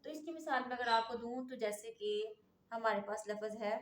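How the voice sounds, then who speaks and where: A woman's voice: fairly high pitch, normal speed. Patient woman teacher in an echoey room. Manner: patient, repeats checks like "okay?" often. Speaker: English phonics teacher. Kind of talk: classroom-style lesson explanation. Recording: echoey room, faint noise.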